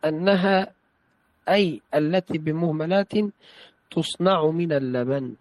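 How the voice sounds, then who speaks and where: A man with a high voice recites a classical text in a study session. He reads carefully and repeats phrases after a correction. The recording is dry, with no room sound. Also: a little slow, no echo, poor audio. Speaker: student reading a text aloud to a teacher.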